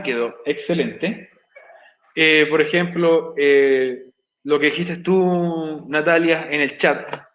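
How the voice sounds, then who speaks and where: Guy teacher w/ a high voice, patient, goes over grammar step by step, echoey room. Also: fairly bright tone. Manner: patient, repeats structures step by step. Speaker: English teacher. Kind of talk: online class explanation. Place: home, online class.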